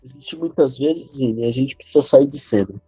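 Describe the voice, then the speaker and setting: A man with a Brazilian Portuguese accent, a podcast guest speaking in a measured, reflective way. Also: mid-range voice, mellow, breathy edge, no room sound, faint music behind. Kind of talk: casual podcast chat. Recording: dull lo-fi sound.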